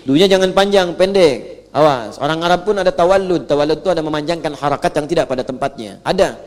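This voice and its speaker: A man teaching Quran recitation to a class, animated, chanting verses slowly and having the listeners repeat after him. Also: fairly high pitch. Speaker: religious teacher. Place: large hall on a stage. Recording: long hall reverb.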